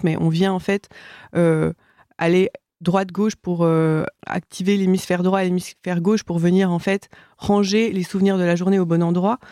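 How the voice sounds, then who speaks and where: Woman explaining, dark and dry voice. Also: fairly low pitch, dry recording. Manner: explains step by step, hesitant. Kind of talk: explanatory discussion.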